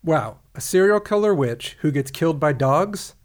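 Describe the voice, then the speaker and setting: A man's voice: a little high, animated, moderate pace. Wry male podcast co-host. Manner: wry, informative presenter. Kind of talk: scripted podcast chat.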